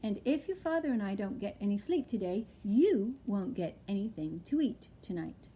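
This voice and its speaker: A motherly barn owl, voiced by a woman reading a storybook, with a mellow tone and a gentle but firm manner. Her pitch rises and falls in a lively way, and faint noise sits behind the voice. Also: normal speed, natural voice.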